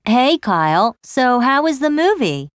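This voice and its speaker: Woman, scripted learner dialogue. Slow, expressive questioner, dry close recording. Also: high voice, no echo.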